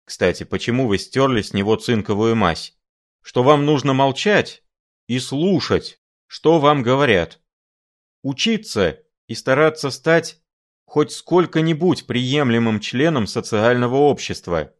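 A man's voice: medium pitch, lively intonation, a little slow, pitched above the performer's own voice, close to an everyday voice. A man voicing a thundering old professor. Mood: furious scolding. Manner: thundering, scolding tirade. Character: enraged elderly male professor, imperious and lecturing.

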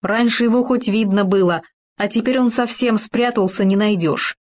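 A woman's voice: on the high side, moderate pace, darkish tone, pitched above the performer's own voice, lightly acted. A woman voicing a boastful, scheming male hamster in a children's story, talking bossily and slyly. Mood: bossy. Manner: bossy, indignant and sly.

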